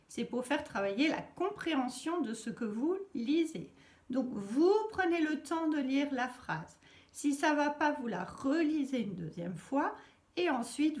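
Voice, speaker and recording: A woman primary school teacher from France, patiently explaining worksheet exercises to young children step by step. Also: fairly high pitch. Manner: slow, patient, clearly spelling out each step. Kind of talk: recorded lesson instructions for young children.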